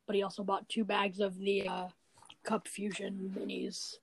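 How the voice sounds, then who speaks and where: A teenage girl hosting a casual chat, talking with frequent fillers and pauses. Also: mid-range voice, completely flat delivery, gravelly, slightly rough, no room sound, poor audio. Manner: chatty, hesitant with fillers. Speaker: podcast host.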